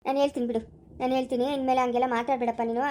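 A performer with a Chikkaballapura Kannada accent playing a young husband in a family home drama skit, talking in a soft, low-key, coaxing way. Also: little pitch movement, rapid-fire, lightly acted. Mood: soothing. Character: young husband, soothing and reassuring.

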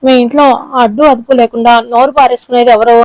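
A woman's voice: a little high, fairly even intonation, fast talker, darkish tone, dry recording, close to an everyday voice. A woman voicing a cruel anonymous man who phones with a taunting death message. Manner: taunting, curt. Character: cruel anonymous male prank caller.

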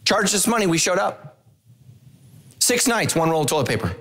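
A middle-aged man, a pastor, preaching a sermon on a large church stage into a handheld microphone, telling stories with humorous asides. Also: normal speed. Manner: animated storytelling with humorous asides, pitch swinging widely.

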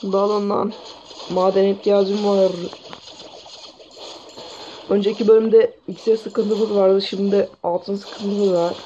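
A man with a sore throat giving excitable gameplay commentary, swearing at the game as he plays. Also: high voice, slow pace, pauses often. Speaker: gaming channel host. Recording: dull lo-fi mic with faint hiss.

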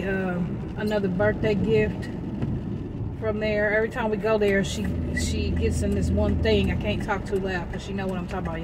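An American woman in her thirties with slightly slushy, toothless articulation from leaving her dentures out, chatting casually and candidly to viewers in a folksy way while driving. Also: medium pitch. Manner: folksy, candid, often addressing viewers as y'all. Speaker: vlogger, stay-at-home mother. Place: inside a car while driving. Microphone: phone clipped in the car. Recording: noisy car interior, road noise.

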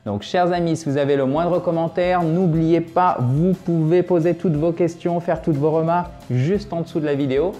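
A man with a warm, mellow voice teaches an online language lesson. He repeats each word slowly and patiently, checking in with his viewers. Faint music plays softly behind him. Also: on the high side, fairly even intonation. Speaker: Russian teacher.

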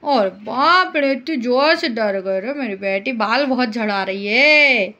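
A woman's voice: a little high, lively intonation, slow, bright, forceful tone, muffled recording. A woman coaxing her pet parrot in affectionate baby talk, in a casual home video.

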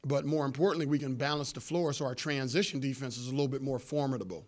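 A man in his forties, a head coach answering postgame press questions in a measured, explanatory way with frequent fillers, seated at a table microphone in a press room. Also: medium pitch. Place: press room before a sponsor backdrop. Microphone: table microphone in front of him.

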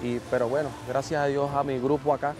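A man in his thirties with a Venezuelan accent speaks earnestly at a mid pitch, often pausing on fillers. Music plays under his voice as he is recorded outdoors at a shelter. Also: little pitch movement. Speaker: migrant father. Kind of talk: street interview.

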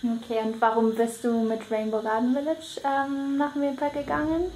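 A woman's voice: sits high, completely flat delivery, normal speed, darkish tone. A woman interviewer who asks short questions and often answers with a brief "mhm". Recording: echoey room with faint noise.

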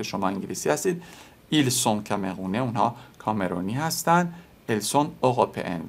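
Persian guy teaching french, gravelly voice, slow careful repeats. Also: mid-range voice. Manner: explains in Persian, repeats French words slowly. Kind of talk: casual teaching, reading French aloud.

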